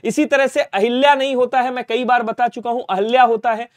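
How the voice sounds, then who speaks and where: A man's voice: very high voice, fairly even intonation, brisk, no room sound, clean studio sound. A man teaching a Hindi spelling lesson for exam preparation, asking questions and answering them himself, with constant reminders to remember the words. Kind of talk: online exam-prep lesson.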